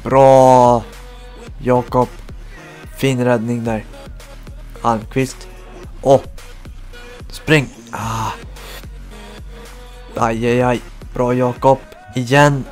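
A man's voice: mid-range voice, long pauses, soft background music. A man giving live commentary over his football video game, cheering his team and groaning at misses. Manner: excitable, shouts at goals, groans at misses. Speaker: gaming channel host.

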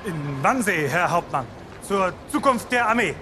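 Naive young male recruit, high voice, snappy and deferential, noisy platform, film comedy. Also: lively intonation, moderate pace, pushed and bright. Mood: eager, deferential. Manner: deferential, snappy military replies. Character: eager, obedient, naive young army recruit.

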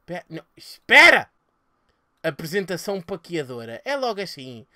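A young man with a European Portuguese accent, giving crude, excitable let's play commentary and swearing often as he plays. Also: high-pitched, moderate pace, no echo, clean studio sound. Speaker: gaming streamer.

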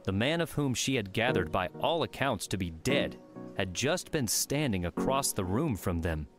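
A man narrating an audiobook in steady, even storytelling. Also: lowish voice, moderate pace, over music. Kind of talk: scripted narration.

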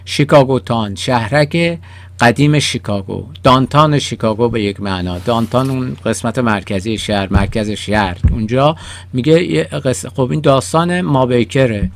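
Gravelly-voiced man teaching song lyrics. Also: mid-range voice, slight background noise. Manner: explains slowly, repeats lyrics word by word. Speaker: English teacher. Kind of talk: song-based language lesson.

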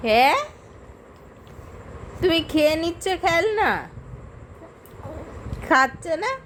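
A young woman speaks baby talk in a high, lively sing-song, coaxing an infant with slow, drawn-out questions. The phone recording picks up steady background noise from the home. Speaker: mother filming her baby.

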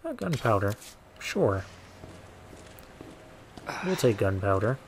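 A man's voice: fairly low pitch, big pitch swings, slow, a little hiss or hum. A man giving casual let's play commentary on a video game, thinking aloud with muttered asides as he goes. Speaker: gaming let's play host.

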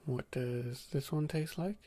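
A man in a whispered role-play as a doctor giving a calm nerve exam, speaking softly and slowly with hesitant fillers. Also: mid-range voice. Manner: soft-spoken, slow and gentle, with frequent hesitant fillers.

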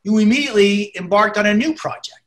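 High, bright male interviewer on webcam. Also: quick pace. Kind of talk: broadcast interview questions. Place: home office. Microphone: video call webcam.

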